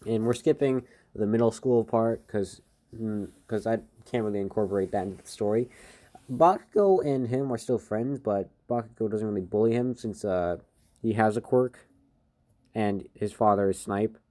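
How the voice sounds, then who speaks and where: A man's voice: on the low side, moderate pace, warm tone. A man improvising a fan story, rambling with many fillers and restarts.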